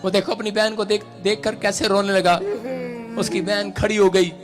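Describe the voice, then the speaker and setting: A man's voice: sits high, little pitch movement, normal speed. A man, a pastor leading a healing service, urging and commanding people to rise and walk, breaking into repeated chanted syllables. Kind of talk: urgent healing prayer and exhortation. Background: worship music.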